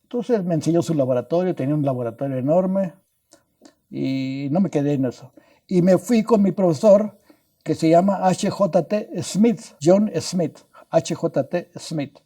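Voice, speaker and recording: An older man from Mexico, guest scientist on a podcast, tells his stories unhurriedly in a fairly high voice with a dark tone. He speaks with a Mexican Spanish accent, restarting words and adding tag questions.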